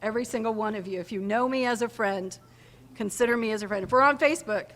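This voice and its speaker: A woman's voice: fairly high pitch, fast, a bit bright. A woman giving an emotional acceptance speech at a podium mic, tearful but joking with the audience. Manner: emotional, teary, jokes with the audience. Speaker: hall of fame inductee. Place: large banquet hall. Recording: reverberant hall, faint ambience.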